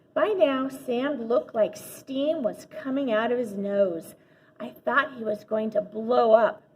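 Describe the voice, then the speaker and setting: A teacher with a fairly high voice reads a children's storybook aloud in an animated way, dramatically stressing key words. The recording is a little dull and lo-fi, with faint noise behind her.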